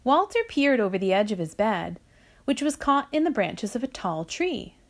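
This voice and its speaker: A woman reading a children's story aloud, with a slow, expressive delivery. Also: fairly high pitch.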